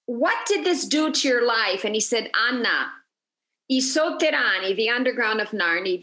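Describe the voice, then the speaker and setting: A woman guides a virtual tour and tells a story with energy, acting out each quoted voice. Her voice sits a little high. The sound carries a noticeable room echo. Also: bright, forceful tone.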